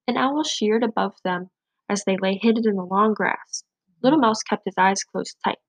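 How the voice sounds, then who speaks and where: A woman's voice: mid-range voice, moderate pace, no echo, rough recording. Woman reading a children's storybook. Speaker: storybook reader. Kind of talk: reading a children's picture book aloud.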